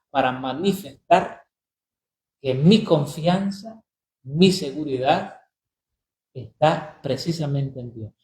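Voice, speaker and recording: A priest giving a sermon, speaking deliberately, repeating phrases and slowing down on key words for emphasis. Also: male voice, a little high, a little mellow. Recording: roomy echo.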